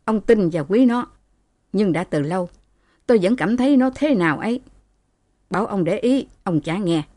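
A woman's voice: medium pitch, lively intonation, moderate pace, mellow, no echo, clean studio sound, close to an everyday voice. A woman voicing an anxious, protective old mother who fusses and scolds her husband. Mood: worried. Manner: worried, fussing.

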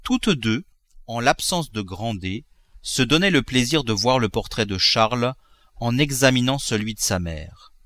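A male narrator reads a classic novel aloud with a lively, expressive melody and an even, mid-range voice. The recording is close and dry, with no room echo. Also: mid-range voice, measured pace. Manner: expressive, varied intonation. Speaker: audiobook narrator. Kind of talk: audiobook reading of a classic novel.

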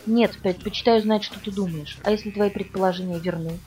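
Edward, a cool ironic male vampire, calm and guarded, read by a woman, fast delivery, distant mic, faint music behind, audiobook. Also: mid-range voice, natural voice. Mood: intense. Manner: calm and guarded, with dry irony.

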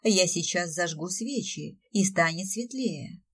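A woman voicing a calm, gracious noblewoman soothing her guests in an audiobook. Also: fairly low pitch, measured pace, slightly rough, far from the mic.

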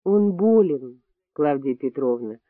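A man reading an audiobook voices a calm, firm male hospital doctor who speaks quietly and weightily. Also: mid-range voice, slow, dry recording. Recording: dry, tinny phone-like sound.

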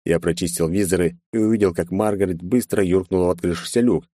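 Low-voiced man narrating an action audiobook. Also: fairly even intonation, quick pace, mellow, no room sound, studio quality. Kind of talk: first-person audiobook narration.

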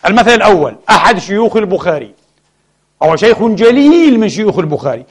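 A man's voice: sits high, sing-song, quick pace, slightly rough. A male preacher delivering an impassioned sermon, firing rhetorical questions at his congregation and calling them brothers. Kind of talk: Friday sermon. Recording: mp3 sermon audio.

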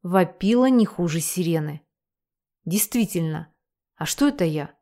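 A woman narrating a first-person audiobook with an expressive reading. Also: fairly low pitch, measured pace.

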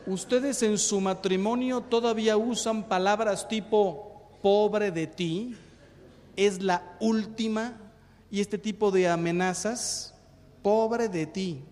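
A priest in his fifties giving a humorous talk on marriage, a lively storyteller. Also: high voice, in a large hall. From Mexico. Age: 50s. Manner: lively storyteller who acts out jokes.

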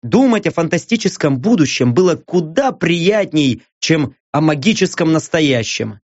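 A man reading a fantasy audiobook as narrator, in an expressive, measured delivery. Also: a little high, no echo. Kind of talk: scripted narration. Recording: dull lo-fi dry audiobook.

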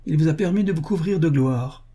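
A man reading the part of a proud young prince in an audiobook, with a light, mocking tone and a husky voice. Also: on the high side, brisk, mellow, voice pushed up. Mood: ironic.

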